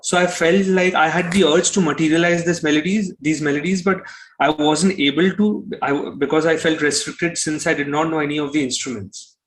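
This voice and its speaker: A young singer-songwriter with an Indian accent, appearing as an interview guest, answers casually and reflectively. His voice is a little high and steady, and he talks fairly quickly on a rough recording.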